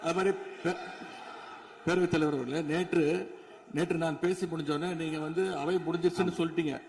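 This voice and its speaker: A man's voice: fairly high pitch, fairly even intonation, a little fast, darkish tone, slight background noise. A man speaking as an opposition legislator in an assembly chamber. He talks combatively, demanding proof and firing rhetorical questions. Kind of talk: political speech in a legislative assembly. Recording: long reverb of a large chamber.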